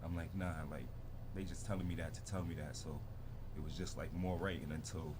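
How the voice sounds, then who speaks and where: Deep-voiced Barbados-born man telling stories. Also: flat delivery, fairly quick, background noise. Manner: laid-back storytelling with slang. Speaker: guest rapper. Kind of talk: casual interview.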